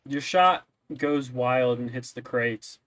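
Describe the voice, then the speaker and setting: A man working as game master of a tabletop role-playing game, narrating casually in a halting, hesitant way. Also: medium pitch, fairly bright tone, no room sound.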